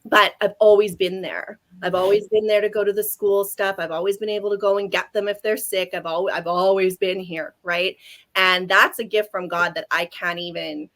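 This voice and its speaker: A woman's voice: mid-range voice, steady tone, normal speed, a bit bright. A Canadian woman in her forties talks through her story on a casual webinar. She speaks earnestly and often restarts her sentences. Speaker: guest speaker.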